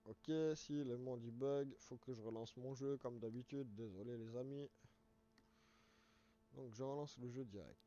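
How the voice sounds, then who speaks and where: A man with a hoarse voice, casually talking viewers through a game on a live stream, rambling and restarting words as he explains each step. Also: medium pitch, steady tone, measured pace, warm tone, a little hiss or hum. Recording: dull lo-fi stream audio.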